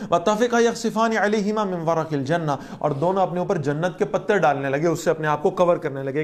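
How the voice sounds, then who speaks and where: A woman giving a Quran lesson, reciting Arabic verses and explaining each one with questions to her listeners. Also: lowish voice. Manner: lively, asks the listeners questions. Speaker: Quran teacher.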